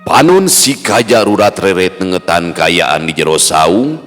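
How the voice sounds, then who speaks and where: A man narrating a folk tale in a slow, rhythmic storytelling manner. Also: deep voice, animated, fairly bright tone. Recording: long reverb with faint music.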